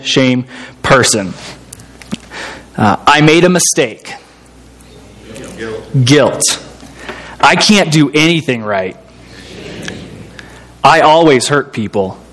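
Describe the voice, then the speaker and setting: A man's voice: a little high, a bit bright. A young American man giving a sermon-style talk to a group, hesitant with frequent fillers and repeated words, quizzing the listeners as he goes. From United States. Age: young adult. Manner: quizzes listeners and waits for answers. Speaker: seminary-trained speaker.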